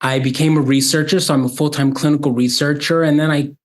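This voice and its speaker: A man who is a psychiatrist and researcher, answering interview questions in a measured, explanatory way. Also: on the high side, steady tone.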